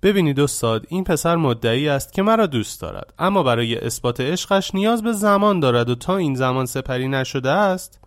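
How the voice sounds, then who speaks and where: A man's voice: fairly high pitch, animated, hardly any pauses, dry recording, clean studio sound, close to an everyday voice. A man voicing an earnest young woman who speaks in a pleading way.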